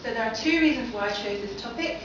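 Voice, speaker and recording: A young woman from London, presenting at a seminar, gives a fast academic talk and asks the audience many questions in a fairly high voice. The very echoey lecture hall picks her up from a distance, so the sound is dull with steady background noise.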